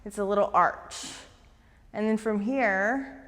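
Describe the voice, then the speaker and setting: A woman leading a guided stretching class, talking fast and eagerly as she gives coaching cues. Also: medium pitch, a bit bright, long reverb tail. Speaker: fitness instructor.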